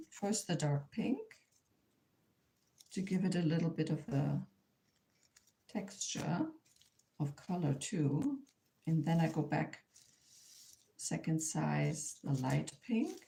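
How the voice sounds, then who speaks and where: Speaking English as a second language with a German accent, a woman from Germany demonstrates a craft informally and hands-on, occasionally halting and repeating herself as she hunts for words. The artist and craft instructor has a deep, animated, creaky voice that's a little mellow.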